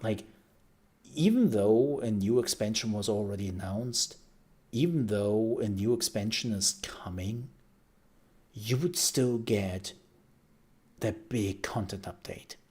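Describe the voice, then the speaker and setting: Speaking slowly in a low, darkish, slightly rough voice, a man reacts casually during a live stream. His talk wanders as he thinks out loud and repeats himself, sounding worn out after a long day of talking.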